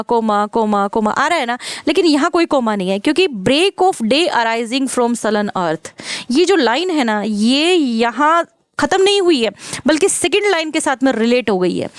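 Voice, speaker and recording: A woman explaining a literature exam lesson, reading out English questions slowly and explaining them in Hindi mixed with English. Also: on the high side, no room sound. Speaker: literature teacher.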